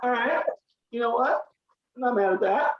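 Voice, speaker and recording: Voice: medium pitch, normal speed, muffled recording. A co-host in a casual food-tasting chat who jokes crudely and swears freely.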